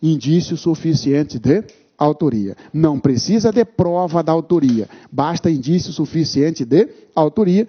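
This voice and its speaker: A husky, fairly high male voice, lecturing exam candidates on law. He swings his pitch around a lot, hammers home key terms by repeating them and keeps checking that the listener is following. The recording sounds dull and lo-fi. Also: expressive, unhurried. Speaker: law instructor.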